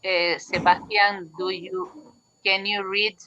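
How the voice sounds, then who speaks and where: Bright, slow-spoken woman co-teacher. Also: medium pitch, level tone, lo-fi sound, a little hiss or hum. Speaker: co-teacher in an online class. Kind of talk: interactive online language lesson.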